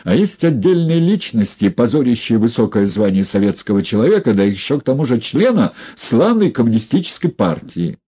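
A man's voice: medium pitch, sing-song, fairly quick, hardly any pauses, dark tone, husky. A man voicing a stern, contemptuous party inspector who lectures and mocks coldly, reading a story aloud. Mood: mocking. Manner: stern, cold, mocking.

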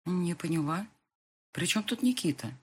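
A woman reading an audiobook, voicing a distraught young heroine in a husky, pleading voice. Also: fairly low pitch, lively intonation, normal speed. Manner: pleading, tearful.

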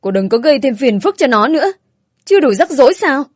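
Woman putting on a harsh older grandmother, high and loud, sharp and scolding, raised strained pitch, dry close sound. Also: a little slow, husky, dry recording. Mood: furious. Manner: shrill and scolding, tender with the grandchild.

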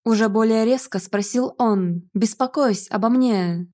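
A woman narrating a first-person fantasy audiobook with lively storytelling. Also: a little high, measured pace.

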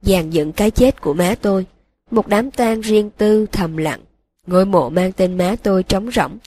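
Woman reading young male dark wizard, broken, flat monotone, husky, audiobook. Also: medium pitch, unhurried, lightly acted.

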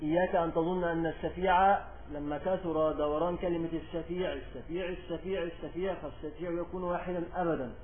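A man with an Egyptian accent gives a classroom lecture as a religious teacher. He reads a text aloud and explains it, and he often repeats phrases and asks rhetorical questions. He reads quoted passages more slowly and loudly. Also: fairly high pitch, fairly even intonation, a little hiss or hum. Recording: tinny, lo-fi lecture recording.

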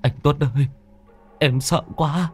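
A man's voice: fairly high pitch, fairly even intonation, takes it slowly, husky, faint music behind, voice pushed up. A man voicing a terrified young village man who stammers and pleads in panic. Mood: terrified stammering.

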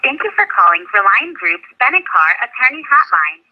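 A woman's recorded phone greeting plays down a muffled call line. Her pitch sits a little high, and her delivery stays polite, measured and formal, like a scripted hotline announcement. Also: very animated, a little hiss or hum. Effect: recorded phone greeting played over a call.

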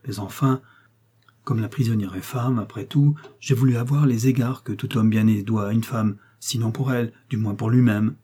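A man's voice: fairly low pitch, fairly even intonation, normal speed, mellow, slightly rough. Man doing a cold, impassive young officer. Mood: earnest. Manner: cold, stiff, disgusted.

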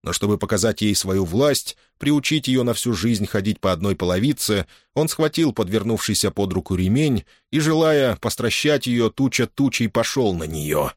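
A man narrating an audiobook with expressive storytelling. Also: lowish voice, normal speed, hardly any pauses, no echo, clean studio sound. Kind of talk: audiobook reading.

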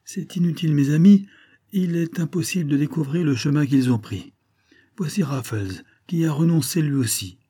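A man voicing a young gentleman in an audiobook, breathless and exasperated after running. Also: fairly high pitch, moderate pace, breathy edge, no room sound, studio quality, voice pushed up.

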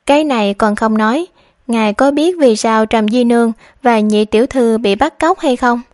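A woman's voice: on the high side, moderate pace, a little mellow, no echo, studio quality, lightly acted. A woman voicing a scheming young maidservant who feigns worry, speaking in a pleading, confiding way. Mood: worried pleading.

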